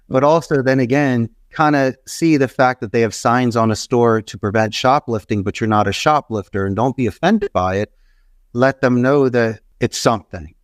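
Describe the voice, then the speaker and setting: A middle-aged man from Philadelphia, guesting on a podcast as a call center entrepreneur, rambles through motivational business advice in an interview, repeating phrases emphatically. His pitch is fairly low, and the studio-quality recording has no echo.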